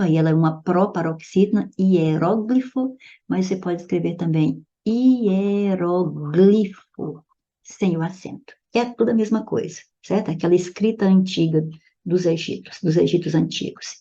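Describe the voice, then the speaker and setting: A woman teacher with a slightly gravelly, mellow voice works through grammar questions in a recorded lesson. She explains each answer patiently and keeps checking that the listener is following. The sound is a little dull and lo-fi. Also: fairly low pitch.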